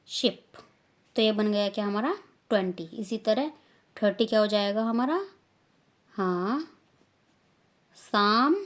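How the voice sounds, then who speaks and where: A woman from India with an Indian accent, teaching a beginner language lesson, saying each word slowly and loudly and repeating it. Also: medium pitch.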